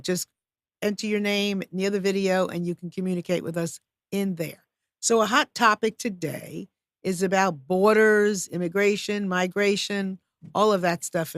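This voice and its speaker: A woman's voice: medium pitch, no echo, studio quality. Chatty woman hosting a live show. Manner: upbeat, chatty, welcoming. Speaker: show host. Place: studio.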